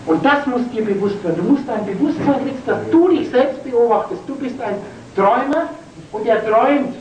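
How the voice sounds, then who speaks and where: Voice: mid-range voice, expressive, fairly quick, darkish tone, lo-fi sound, a little hiss or hum. A spiritual lecturer giving a preachy talk to a seated audience, full of rhetorical questions and spelling out words letter by letter. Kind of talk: esoteric lecture to a live audience. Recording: roomy, distant from the mic, faint ambience.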